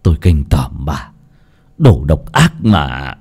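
A man voicing a stern, suspicious husband who speaks low and clipped through gritted teeth. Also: expressive, fast, a little mellow. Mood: bitter fury.

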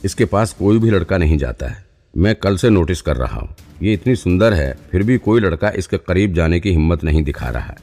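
A man's voice: deep voice, expressive, fairly quick, warm tone, faint music behind. A man voicing a chatty, teasing young male police trainee who loves gossip, in an audiobook. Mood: gossipy.

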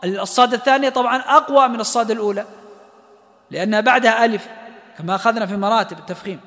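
Male recitation teacher, high voice, long hall reverb, explains then chants examples. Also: rapid-fire, a bit bright. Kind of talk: tajweed lesson with recited examples.

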